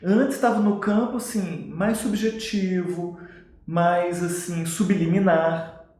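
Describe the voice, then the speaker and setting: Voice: mid-range voice, steady tone, slow, a little mellow. A co-host on a parenting live stream, adding reflective remarks. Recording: very echoey room.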